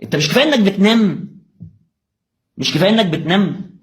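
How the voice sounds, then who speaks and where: A man's voice: sits high, expressive, quick pace. A young man with an Egyptian accent gives an impassioned motivational religious talk, firing rhetorical questions straight at the listener. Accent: Egyptian Arabic. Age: young adult.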